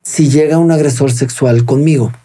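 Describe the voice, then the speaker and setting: Husky, earnest man explaining. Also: medium pitch, steady tone, normal speed, dark tone. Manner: earnest, explanatory, acts out quoted dialogue. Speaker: guest expert on child protection. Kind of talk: interview explanation.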